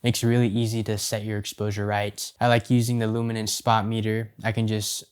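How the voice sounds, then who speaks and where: A man's voice: fairly low pitch, monotone, a little fast, darkish tone, smooth. A man giving a casual, conversational camera review, his voice affected by being sick. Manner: informal, conversational.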